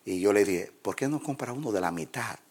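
A man's voice: animated, a little fast, slightly rough. Older man pastor telling a story. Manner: soft, low-key storytelling voice. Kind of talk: sermon with storytelling. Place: church.

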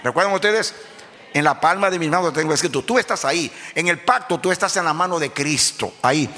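A man preaching a sermon to a congregation, moving between low explanation and shouted peaks and asking the listeners direct questions. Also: brisk. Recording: long hall reverb.

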